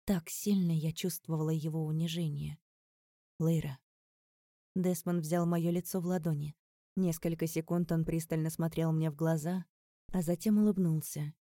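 A woman with a low, mellow voice reads a first-person audiobook. Her delivery is measured and steady, and the recording is close and dry. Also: no echo. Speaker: audiobook narrator.

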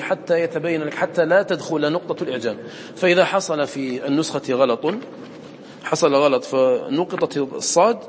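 A man teaching a recitation lesson, explaining step by step and quizzing his students with short questions. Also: a little high. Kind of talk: classroom lesson explaining a poem. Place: lecture room with students. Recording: echoey hall with faint noise.

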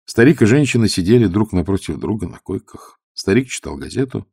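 A man narrating an audiobook in an expressive storytelling manner. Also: on the low side, a little fast, gravelly, husky, no echo, clean studio sound.

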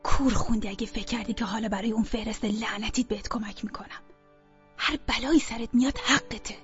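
An actress playing a sharp-tongued, quarrelsome young woman arguing with her sister. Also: very high voice, very animated, lo-fi sound, soft background music, exaggerated voice. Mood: scornful. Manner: scornful, quarrelsome.

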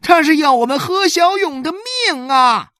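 Shrill angry woman yelling, a man putting her on, high and loud, storybook. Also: animated, unhurried, no echo, clean studio sound, heavily acted. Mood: outraged. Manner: shrill, accusing.

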